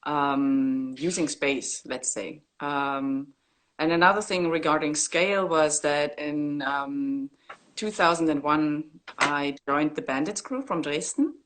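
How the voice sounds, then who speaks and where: A woman speaks from a room at home over a laptop video call. Her voice sits low, and her telling is relaxed and candid, dotted with fillers and light laughs. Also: slow pace. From East Germany. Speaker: graffiti artist guest. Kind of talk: casual video-call interview. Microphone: laptop webcam on a video call.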